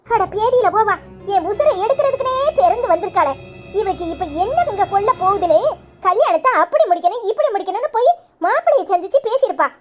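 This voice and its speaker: A woman's voice: extremely high pitch, expressive, a little fast, faint music behind. A woman doing a flustered village mother. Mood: angry. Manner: anxious, pleading, grumbling. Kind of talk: cartoon voice acting.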